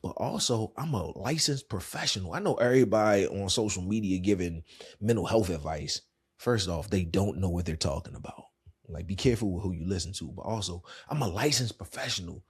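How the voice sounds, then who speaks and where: A man's voice: deep voice, expressive, brisk, slightly rough. A man with a Washington DC accent, a podcast host and therapist, talking candidly and casually in a monologue. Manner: candid, conversational, colloquial.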